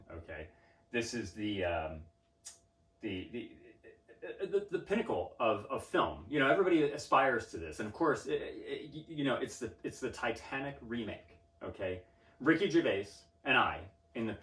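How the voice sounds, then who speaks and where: A man's voice: on the low side, fairly bright tone. A man giving a pompous, self-important rant in a mock-serious interview, stammering through his restarts. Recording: roomy sound from a distant mic.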